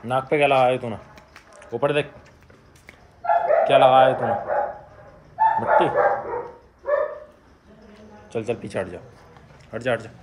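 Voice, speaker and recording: A man's voice: fairly low pitch, heavy background noise. Chatty man touring his dog yard. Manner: chatty, calls out to the dogs. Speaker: dog shelter caretaker. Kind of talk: casual vlog walkthrough. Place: outdoor yard at a home under construction.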